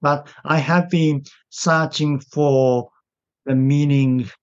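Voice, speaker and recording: A man's voice: on the high side, steady tone, takes it slowly, highs cut off. Hesitant Japanese man, British-tinged English. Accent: Japanese English with British influence. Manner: hesitant, searching for words. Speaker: guest. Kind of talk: casual interview answers.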